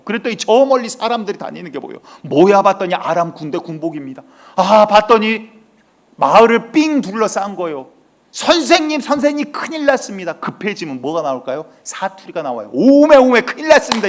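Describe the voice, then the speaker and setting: A male senior pastor preaching a Sunday sermon with emphatic storytelling and rising outbursts. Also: high-pitched. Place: church sanctuary.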